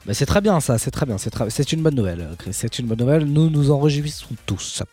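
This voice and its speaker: A man hosting a radio show in lively banter, chatty and teasing, often repeating himself. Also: medium pitch, fast, breathy edge.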